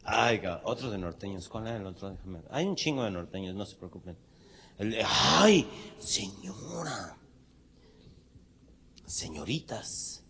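A man's voice: on the low side, expressive, moderate pace, vocal fry, fairly bright tone. A man with a Mexican accent telling a crude, slang-heavy joke as a stand-up comedian.

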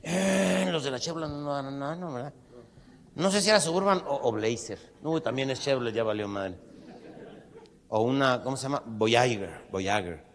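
Gravelly crude Mexican comedian. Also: male voice, mid-range voice, moderate pace, slight background noise. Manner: crude, slangy, rambling asides. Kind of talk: stand-up joke telling.

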